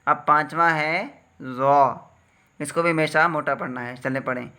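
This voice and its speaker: A man's voice: on the high side, steady tone, unhurried, pushed and bright, clean tone. A man from Pakistan with a Pakistani Urdu accent, teaching Quran letter reading in a patient step-by-step lesson and drawing out each letter sound. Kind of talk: slow step-by-step recitation lesson.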